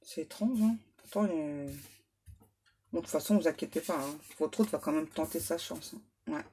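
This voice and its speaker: A woman medium giving a relaxed tarot reading to her viewers, reassuring them and tacking little asides onto her sentences. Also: low-pitched, a little hiss or hum. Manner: unhurried, reassuring, full of little "hein" and "ouais" asides; reads English card names aloud. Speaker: medium doing card readings.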